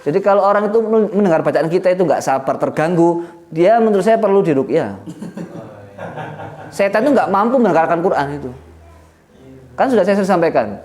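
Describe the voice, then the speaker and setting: Middle-aged East Javanese man, animated preacher teaching students, slightly high-pitched, joking and lively. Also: brisk, long pauses. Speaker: pesantren head teacher. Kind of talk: religious lecture to students.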